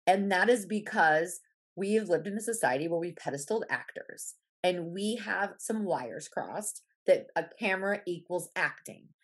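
Low husky lady guest on a podcast, blunt, swears a lot, really emphatic. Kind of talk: casual podcast interview.

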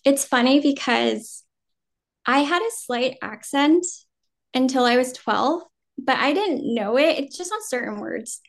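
This woman speaks high and gravelly at a measured pace, casually chatting as a guest actor in an interview. In her thirties and from New Jersey, she grew up speaking Vietnamese first and now sounds American. Her talk rambles comfortably, peppered with "um" and "like," with frequent laughter.

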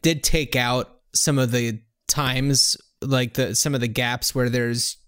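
Relaxed man describing film scenes. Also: medium pitch, slow pace, clean tone, dry recording, studio quality. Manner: relaxed, explaining scenes with fillers. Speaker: podcast co-host. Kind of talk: casual film discussion.

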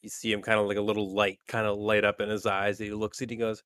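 Brief: low, dry-sounding guy, easygoing player. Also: monotone, fairly bright tone, no echo. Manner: casual, halting.

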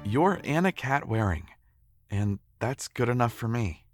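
An actor playing an eager, flustered young newlywed husband in an audio drama, often stammering. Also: male voice, medium pitch, animated, measured pace, no echo, studio quality, soft background music, close to an everyday voice.

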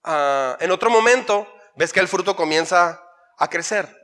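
A man with a Mexican accent, a pastor preaching an animated sermon that swings from loud to soft. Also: high-pitched, normal speed.

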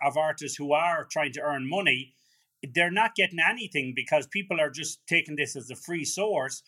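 A man chats casually as an interviewer. His voice sits a little high and has a bright, forceful edge.

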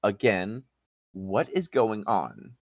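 A man voicing a confused young male paladin noble, speaking slowly and haltingly. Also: on the low side, sing-song, dry recording, studio quality, exaggerated voice. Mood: bewildered. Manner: slow, halting, dazed.

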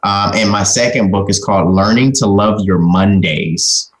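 A communication trainer and author, this man speaks at a moderate pace in a lowish voice during a casual interview. His style is folksy and informal, with frequent uses of "man" and "you know."

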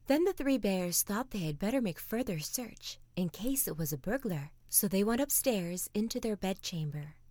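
A woman reading a fairy tale as a soft bedtime story, often slipping into a whisper. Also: mid-range voice, lively intonation, moderate pace, few pauses, dry recording.

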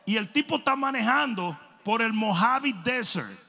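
A man preaching a sermon, telling stories animatedly, shouting for emphasis and repeating phrases. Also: very high voice, animated, normal speed, creaky. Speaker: pastor. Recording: long reverb of a large hall.

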